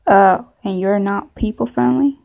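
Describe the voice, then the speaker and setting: A woman's voice: mid-range voice, a little slow, gravelly, darkish tone. A woman playing an indignant, pushy customer with a put-on Southern drawl in a comedy scene read-through. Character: indignant, pushy adult pet hotel customer.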